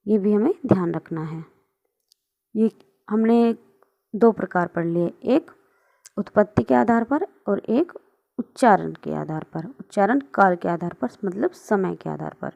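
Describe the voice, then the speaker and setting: A woman teaches a grammar lesson over a screen recording, her fairly high voice gravelly and mellow. She patiently asks questions and then answers them herself. The sound is dull and lo-fi. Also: lively intonation, unhurried. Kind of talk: online lesson explaining on screen.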